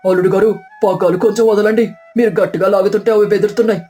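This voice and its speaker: A voice performer playing a calm, patient village father-in-law in a storybook tale. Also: medium pitch, fast talker, soft background music, lightly acted.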